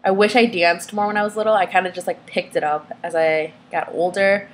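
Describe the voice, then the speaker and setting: A young Vietnamese-speaking woman vlogs casually to her camera in a somewhat low voice, a little fast and fairly even in intonation. She hesitates often, using small fillers and restarting phrases. A faint hiss runs beneath her voice.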